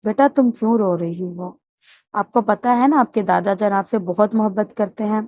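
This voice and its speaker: A woman's voice: mid-range voice, dark tone, no room sound, natural voice. A woman voicing a stern, loving old grandfather who heads the family, with a commanding manner in a dull, muffled recording. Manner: commanding, scolding, then tender.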